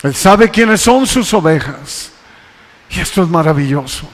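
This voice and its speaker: A male pastor preaching a sermon, calling out exhortations and reading scripture slowly with emphasis. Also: fairly high pitch, expressive. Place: church sanctuary. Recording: long church reverb.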